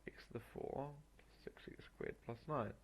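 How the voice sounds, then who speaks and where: A man working through exam problems aloud as a tutor, halting and muttering through each step in an informal way. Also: whispered. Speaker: maths tutor. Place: voice-over on a screen recording.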